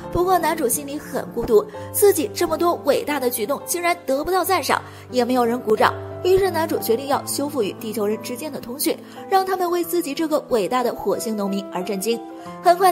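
A woman reading a scripted movie recap as narrator, talking fast in a continuous delivery. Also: high voice.

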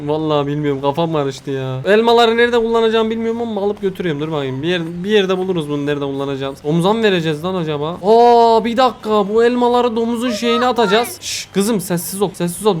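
A man with a high voice rattles through let's play commentary at a fast clip. He is excitable, talks straight to the characters on screen and swears often. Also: slight background noise. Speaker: gaming video host.

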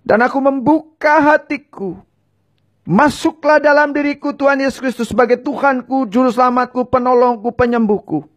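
A man's voice: very high-pitched, moderate pace. A man preaching and leading viewers in a fervent prayer, giving short lines for them to repeat. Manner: speaks in tongues.

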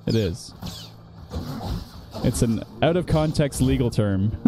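A man playing a video game and bantering casually, joking and laughing often, reacting loudly to the game. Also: mid-range voice, animated, slow. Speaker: gaming streamer. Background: game music.

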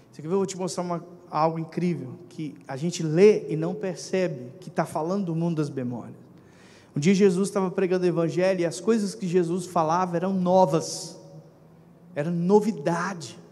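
A man with a Brazilian accent preaching a lively sermon, speaking to his congregation and acting out voices. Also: high voice. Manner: animated, talks to congregation, acts out dialogue. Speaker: pastor. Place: church hall. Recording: long church reverb.

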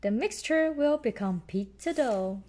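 A mother with a rather high voice reads a bedtime story aloud to her child, slowly and with lots of life. She explains things simply and patiently as she goes.

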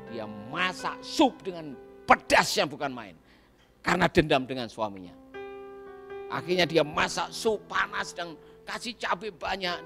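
High-pitched preacher man telling stories. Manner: lively storyteller, acts out quoted voices, asks "ya kan?". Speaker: pastor. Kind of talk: sermon with told stories.

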